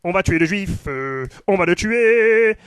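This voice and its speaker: A man playing an eager, gullible male follower who shouts along with his leader. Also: sits high, expressive, unhurried, clean tone, no echo.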